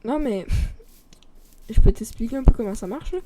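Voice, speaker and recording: A woman with a Québécois French accent streams a video game, chatting informally and rambling straight to a viewer. Her voice is a little high and expressive at normal speed, over a noisy background.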